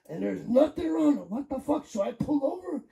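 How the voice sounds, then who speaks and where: A man's voice: very high voice, big pitch swings, a little fast, gravelly, dark tone. A middle-aged man from Chicago doing crude, rambling stand-up comedy with crowd work on a club stage. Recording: echoey club room, mic at a distance.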